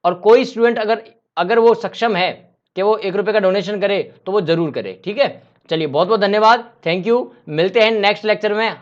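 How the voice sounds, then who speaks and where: A man's voice: sits high, a little fast. A man teaching civil engineering in a casual online lecture, asking and answering his own questions. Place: home room during a power cut. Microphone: laptop. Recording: slightly dull lo-fi audio.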